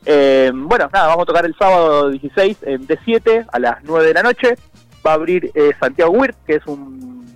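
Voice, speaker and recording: A man's voice: on the high side, no room sound, low-quality recording. Male guest, easygoing rambler, dry sound with faint music. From Argentina. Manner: relaxed, rambling, many fillers and restarts. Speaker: murga member, guest. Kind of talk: casual phone interview.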